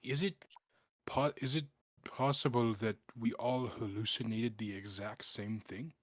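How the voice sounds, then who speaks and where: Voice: medium pitch, fairly even intonation, measured pace, dry recording. A tabletop game player who stammers through questions and laughs often. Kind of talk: casual chat at a game table.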